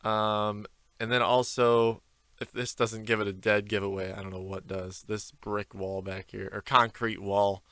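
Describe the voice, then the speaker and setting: A young male podcast host rambles freestyle through a casual solo chat, full of fillers, in a bright yet low-leaning voice with flat delivery and measured pace. He records in a concrete-walled home basement on a desk microphone on camera, and the tone is clean with no room sound.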